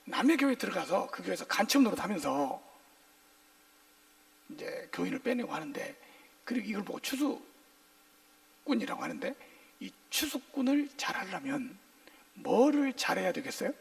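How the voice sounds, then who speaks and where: Male pastor, very high and rough-edged voice, swooping delivery, playful preacher who quizzes his flock, heard from a distant church mic. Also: normal speed, long pauses. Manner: lively, quizzes the congregation with call-and-response questions; jokey, playful asides. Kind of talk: sermon.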